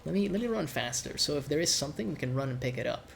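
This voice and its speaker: A man with a nasal, congested voice from a cold, giving rambling, relaxed commentary while streaming a game. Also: fairly high pitch, fast talker, gravelly, slight background noise. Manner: rambling, relaxed, swears casually. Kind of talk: casual gameplay commentary.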